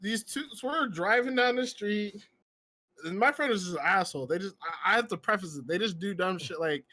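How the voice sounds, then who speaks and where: A man's voice: sits high, animated, brisk, pushed and bright. A young man hosting a casual podcast chat, telling stories and laughing often as he acts out quoted lines. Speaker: podcast host.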